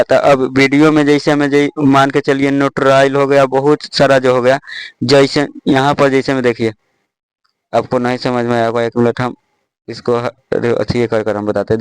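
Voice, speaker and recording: A young man with a mid-range, clean-toned voice casually guides viewers step by step through an app in a screen-recorded tutorial. The recording is dry but poor in quality, and he says "dekhiye" and "thik hai" a lot.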